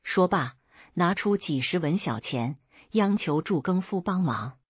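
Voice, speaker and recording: A woman's voice: lowish voice, lively intonation, a little slow, husky, no echo. A woman narrating a scripted folk tale as a storyteller. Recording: dull lo-fi dry recording.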